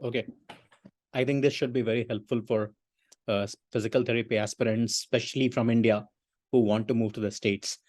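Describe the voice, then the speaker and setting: A man's voice: medium pitch, steady tone, brisk, darkish tone, no echo, studio quality. A man hosting a podcast interview, asking questions in a formal way with frequent hesitations. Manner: formal, hesitant with many uh fillers. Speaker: podcast host.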